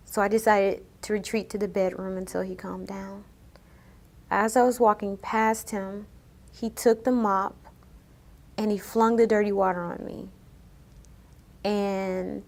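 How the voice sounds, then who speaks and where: A woman speaks in a news interview, recounting her own experience in a soft, emotional voice. She often falls quiet, her words sinking low and subdued as she tells her story. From United States. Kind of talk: personal account in a news interview.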